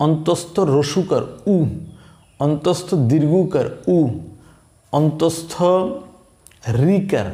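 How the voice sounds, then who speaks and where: A man teaching spelling, reciting letter-vowel combinations slowly and checking in with his students. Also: on the high side, mellow, reverberant. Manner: slow, drawn-out recitation with checking questions. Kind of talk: slow recited lesson.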